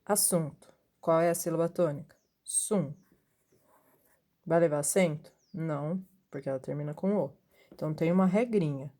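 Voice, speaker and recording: A woman teacher speaks in a low, mellow voice. She explains patiently, asks her pupils questions and answers them herself, and keeps checking that they follow. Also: brisk. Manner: patient, checks in often with "sim?" and "certo?". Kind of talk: recorded classroom lesson for pupils.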